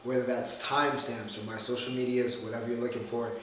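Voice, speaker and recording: A man's voice: mid-range voice, level tone, fast talker, a bit bright. A man hosting a casual solo sports talk show with a groggy morning voice, rambling and opinionated with frequent restarts. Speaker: sports podcast host. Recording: echoey room, distant mic, faint noise.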